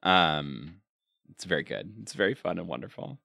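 Young male streamer, low but forceful voice, casual rambling chat, dry close-mic sound. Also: very animated, quick pace, gravelly, breathy edge, no room sound. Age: young adult. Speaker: game streamer, co-host. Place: small room indoors, home streaming setup. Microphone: close microphone on a boom arm.

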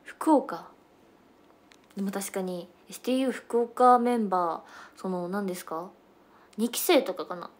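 A woman's voice: medium pitch, measured pace. Young woman chatting on a livestream. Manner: chatty, switches between regional dialects. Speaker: idol livestream host. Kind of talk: casual livestream chat with viewers.

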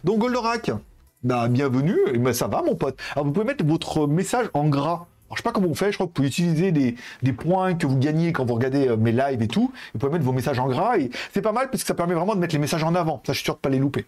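Talking fast and animatedly in a slightly high voice with a darkish tone, a young man hosts a live-stream giveaway. He addresses his viewers directly in rambling, informal chat loaded with fillers.

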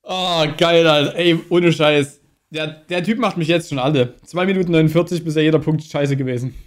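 A young man with a high voice rambles through reaction commentary in loose slang. He talks into a boom mic in a small streaming room, headphones on. The talk is casual and drifts from point to point. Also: normal speed, long pauses. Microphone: boom mic on arm, wearing headphones.

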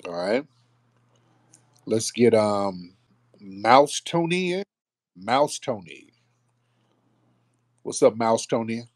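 A man's voice: lowish voice, drawn-out words, pauses often, no echo. A man hosting a live online call-in discussion, talking casually and bringing listeners up to speak one by one. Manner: relaxed, friendly, calls listeners up by name. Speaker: host of a live audio room.

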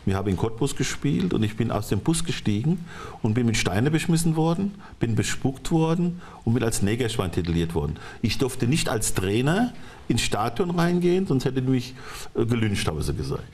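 A middle-aged man talking as a studio guest on a talk show, halting and restarting his sentences often. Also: medium pitch, sing-song, darkish tone. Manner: halting, frequent restarts and repeated words. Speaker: studio guest, former football coach.

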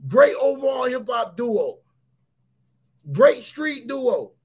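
A man's voice: extremely high pitch, slow pace, breathy edge. A man hosting a casual livestream, talking emphatically to his viewers, repeating his points and often raising his voice. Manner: animated, emphatic, repeats phrases and shouts points. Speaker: livestream host.

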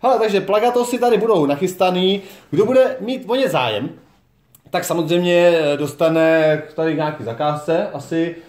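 A man's voice: high voice, darkish tone, reverberant. A man in his thirties hosting a casual handheld vlog in a small hair salon, joking and drawing out his words as he films on a phone held at arm's length. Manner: playful, jokey, drawn-out phrasing. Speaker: vlog host. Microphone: phone camera at arm's length.

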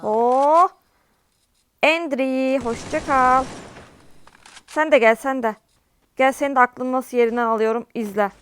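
High-voiced woman gamer venting loudly. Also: steady tone, unhurried, long pauses, slight background noise. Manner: chatty, with frequent exasperated outbursts at the game. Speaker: gaming streamer. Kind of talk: casual gameplay commentary.

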